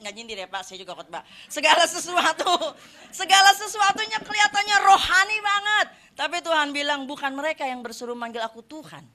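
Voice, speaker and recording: A woman preacher giving a lively sermon, asking the congregation questions and answering them herself. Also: high-pitched.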